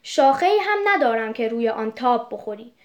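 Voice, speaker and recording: A generous old tree from a storybook speaks in a tender, pleading way, voiced by a woman reader. The voice sits high and soft. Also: animated, close to an everyday voice. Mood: sorrowful.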